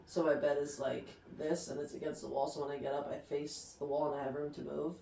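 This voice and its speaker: A woman's voice: sits low, flat delivery, fast, creaky, mellow. A young woman co-hosting a casual podcast, telling stories expressively and swearing freely. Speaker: podcast co-host. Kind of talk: casual chat, animated storytelling. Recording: echoey room, distant mic, faint hiss.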